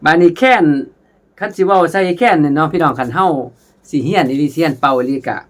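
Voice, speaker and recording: A khaen teacher with an Isan accent runs a relaxed lesson, warmly addressing viewers as brothers and sisters and now and then singing melodies in syllables. His voice is fairly high and he talks fast.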